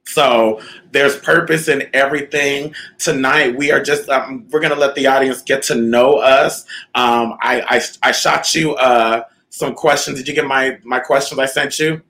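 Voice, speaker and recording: A man's voice: medium pitch, steady tone, a little slow, pushed and bright, low-quality recording. A man born in Canada hosting a talk show, speaking in a reflective, casual way with frequent fillers. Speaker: host. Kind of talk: casual chat.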